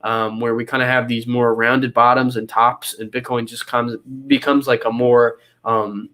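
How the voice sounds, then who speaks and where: A young guest analyst with a cold explains charts in a casual video-call interview, rambling with loads of fillers and restarts. His mid-range voice is nasal, bright and forceful, at a level tone and normal speed.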